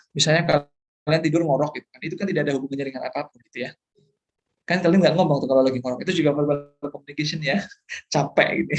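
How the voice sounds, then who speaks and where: A middle-aged male lecturer, explaining course material and often checking that students follow, mixing English terms into his talk. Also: medium pitch. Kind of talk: online lecture.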